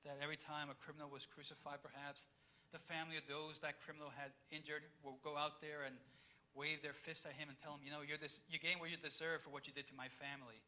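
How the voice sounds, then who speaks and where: A man from Chile preaching a sermon, reading scripture aloud and explaining it, swinging between loud passages and hushed ones. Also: fairly high pitch, level tone, fast. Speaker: pastor.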